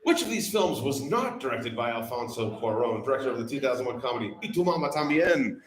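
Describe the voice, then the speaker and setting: A man's voice: mid-range voice, big pitch swings, fairly quick. A man hosting live bar trivia, reading out questions, cracking jokes and swearing freely. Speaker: trivia host.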